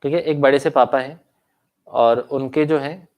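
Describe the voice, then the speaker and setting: A man's voice: medium pitch, steady tone, a little slow, darkish tone. Indian man lecturing with a sore throat. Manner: mixes Hindi and English, coaxing students with tag questions. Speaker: commerce law lecturer. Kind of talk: online lecture reading chat questions.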